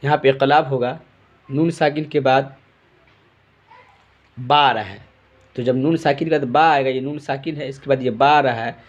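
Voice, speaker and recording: A man teaching Quran recitation, slowly chanting each verse and then quickly explaining the pronunciation rules. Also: mid-range voice, fairly even intonation, muffled recording. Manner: slow drawn-out chanting of verses, quick plain explanations between.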